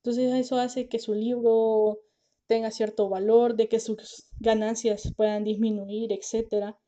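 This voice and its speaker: A woman who hosts a podcast, a lawyer and author, talks casually and earnestly to her listeners, reassuring them directly. She's tired, finds talking hard and can't pronounce her R well. Her warm, slightly high voice is unhurried with little pitch movement, and the highs are cut off.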